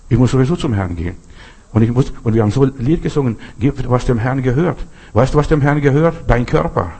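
Male preacher, husky voice, folksy sermon full of asides to the congregation. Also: mid-range voice, a little mellow. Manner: folksy, addresses listeners directly with frequent asides. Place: Berlin.

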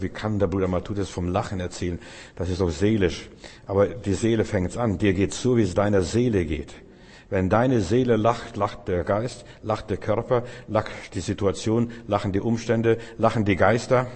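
A man's voice: lowish voice, a little mellow, long reverb tail. A male preacher delivering a sermon, speaking straight to the listener with repeated, emphatic phrases. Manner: addresses the listener directly as "du", repetitive, emphatic.

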